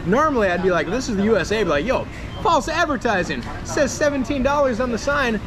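An American man in his thirties hosting a food vlog, talking excitedly and joking as he eats, filmed at arm's length on a city street at night. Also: very high voice, quick pace. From United States. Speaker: food vlogger host. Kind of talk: casual vlog narration. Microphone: action camera held at arm's length. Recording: loud street noise behind.

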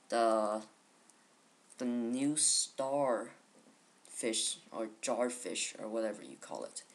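Very low-voiced woman, slow gaming chatter. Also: noisy background. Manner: casual, unhurried chatter to viewers. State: voice a bit rough from just waking. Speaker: gaming channel host. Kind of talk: let's play commentary. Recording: loud game music underneath. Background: video game music.

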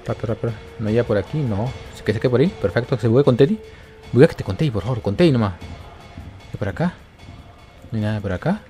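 A man narrates a horror game as he plays, his voice leaping up and down as he yelps and repeats himself in fright. Quiet music plays behind him. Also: mid-range voice, animated, quick pace, pauses often. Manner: jumpy, yelps and repeats words when scared. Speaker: gaming YouTuber. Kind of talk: excited game commentary.

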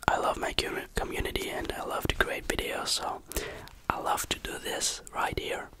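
Answering questions in a close-mic English whisper, this ASMR creator speaks haltingly as she searches for words.

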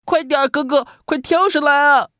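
A man voicing a small, eager anteater little brother in a children's storybook reading, calling out in a high excited voice. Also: normal speed, no echo, studio quality. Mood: urgent shouting.

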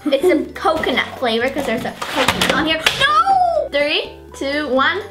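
A young woman hosting a casual snack taste-test vlog, giggly and excitable, slowly sounding out foreign labels. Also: sits high. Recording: echoey room with loud music underneath.

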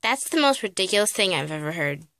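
A woman's voice: mid-range voice, big pitch swings, fast talker, fairly bright tone, a little hiss or hum, voice pushed down. A woman voicing a skeptical young man with a dismissive, sarcastic manner. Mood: scoffing.

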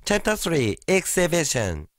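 A man doing a slow, stiff American guest. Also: fairly high pitch, wildly swooping pitch, fairly bright tone, dry recording, clean studio sound, pitched below the performer's own voice, heavily acted. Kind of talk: comedy sketch.

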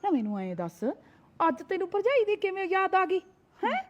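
A woman's voice: very high voice, huge pitch swings, moderate pace, highs cut off, exaggerated voice. A woman playing a proud young married woman who scolds her sister-in-law, full of sayings. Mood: teasing. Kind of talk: short family drama.

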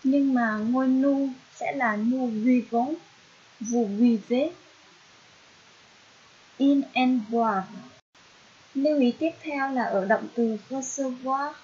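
A woman's voice: high-pitched, slow pace, pauses often, darkish tone. A woman with a Vietnamese accent teaching a French lesson, patiently spelling out verb endings letter by letter. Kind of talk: slow explanatory lesson. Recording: dull lo-fi voice recording.

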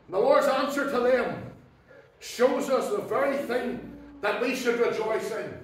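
A Northern Irish man, a pastor preaching an impassioned sermon that swings from soft asides to shouted exclamations. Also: very high-pitched, measured pace, a little hiss or hum. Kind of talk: fiery Pentecostal sermon. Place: church hall. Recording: very echoey hall from far off.

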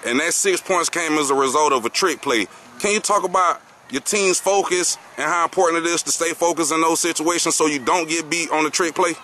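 Bright sports interviewer. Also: male voice, a little high, fairly quick, few pauses, slight background noise. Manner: formal, says "yes, sir" after each answer. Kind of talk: postgame interview questions. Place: outdoor football field at night.

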